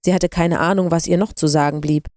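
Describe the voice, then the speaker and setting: A woman narrates a story in a measured, even voice. Her tone is low and mellow, and the sound is close and dry. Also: dry recording. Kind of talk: audiobook narration.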